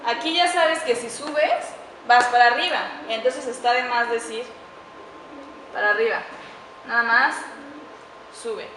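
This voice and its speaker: A woman giving a class presentation on writing errors, slowing down carefully whenever she reads out an example sentence. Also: fairly high pitch, a bit bright. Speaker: student presenter. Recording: echoey room with faint background noise.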